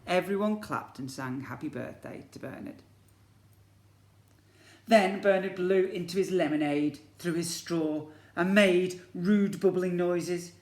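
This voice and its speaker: An infant school teacher reads a storybook aloud to his young pupils in a high-pitched, slow voice. He reads expressively and puts questions to the children, and the room is echoey.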